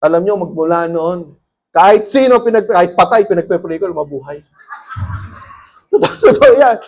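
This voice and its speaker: A man, a pastor preaching a lively, conversational sermon full of stories and laughter. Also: high-pitched, moderate pace. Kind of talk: storytelling sermon.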